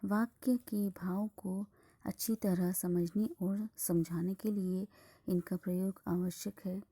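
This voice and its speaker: A woman teacher explains a grammar lesson step by step, her delivery slow and deliberate. Her voice is dark and mellow with a gravelly edge, and it often thins into a husky, breathy half-whisper. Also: medium pitch, fairly even intonation. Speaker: school teacher.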